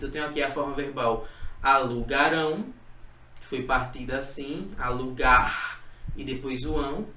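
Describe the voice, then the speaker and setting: A man's voice: medium pitch, bright, forceful tone, slight background noise. Man teaching grammar, echoey and distant. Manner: explains step by step, repeats key rules, asks "tá?". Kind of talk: recorded grammar lesson.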